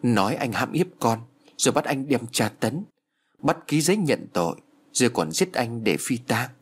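A man's voice: mid-range voice, lively intonation, moderate pace, slightly rough. A man voicing a grave, pleading young village woman in a spoken horror story. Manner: earnest, pleading.

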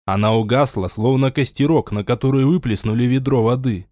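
A man reading a science fiction audiobook in a measured, dramatic narration. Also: medium pitch, mellow, no room sound. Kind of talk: scripted narration.

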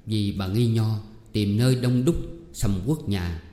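A man reading a novel aloud as a steady narrator. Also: lowish voice, unhurried. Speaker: audiobook narrator. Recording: roomy hall echo, faint music.

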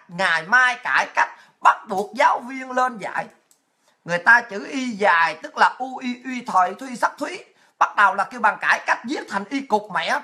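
Fast, sharp-voiced woman. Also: on the high side. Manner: crude, mocking, animated, heavy with profanity. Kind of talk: profane storytelling monologue.

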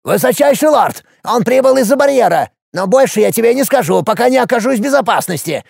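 Hopus, a shrill creaky dwarf lord. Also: male voice, expressive, a little fast, darkish tone, no echo, clean studio sound, heavily acted. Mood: desperate bargaining. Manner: squealing, wheedling bargainer. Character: panicky red-skinned male dwarf lord, cowardly.

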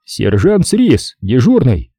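A man's voice: medium pitch, wildly swooping pitch, slow, dark tone, slightly rough, no room sound, clean studio sound, exaggerated voice. A man voicing an impatient police desk sergeant who barks clipped phrases and mangles words. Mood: brusque.

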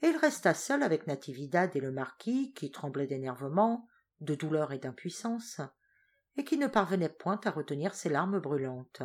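Woman, audiobook narration, slightly low pitch, steady, expressive. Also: normal speed, slightly rough. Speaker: audiobook reader. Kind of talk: scripted narration of a novel.

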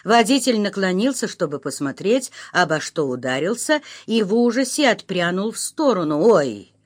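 Woman, audiobook narrator, steady, expressive, lively pitch. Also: moderate pace.

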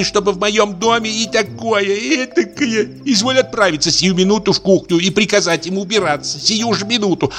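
A man voicing a frightened, hysterical lady of a summer house, shrill, pleading and indignant. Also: a bit bright.

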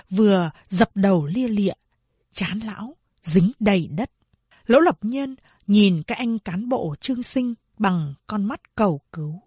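A woman narrating a novel in slow, measured storytelling. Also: medium pitch, warm tone, husky, no room sound. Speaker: audiobook narrator.

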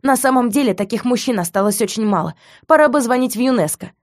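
A woman reading an audiobook, voicing a defiant young woman who talks in a sharp, high, mocking way. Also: animated, fast, close to an everyday voice.

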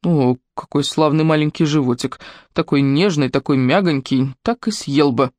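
A woman's voice: low voice, moderate pace, no echo, natural voice. A woman voicing an abusive middle-aged stepfather in an audiobook, speaking in a sweet, wheedling voice that turns threatening. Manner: wheedling, honeyed voice turning to threatening shouts.

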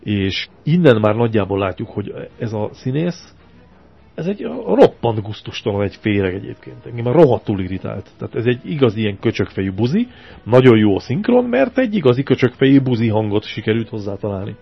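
A man's voice: fairly low pitch, sing-song, creaky, breathy edge, soft background music. A man co-hosting a casual radio show, reviewing a film in a crude, sarcastic rant. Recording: compressed lo-fi radio archive.

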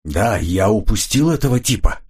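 A man's voice: fairly low pitch, very animated, normal speed, a little mellow, breathy edge. A man voicing a sullen, curt former agent who answers defensively in an audiobook.

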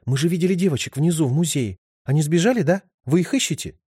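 Male narrator doing a terrified young woman, raised pitch, pleading, panicky, dry recording. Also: fast talker, a little mellow, slightly rough, no room sound. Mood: confused.

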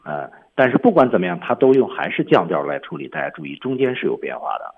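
Husky animated man teaching over a phone line. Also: mid-range voice, fast. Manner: explains film lines step by step, lively. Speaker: English teacher. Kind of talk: radio English lesson.

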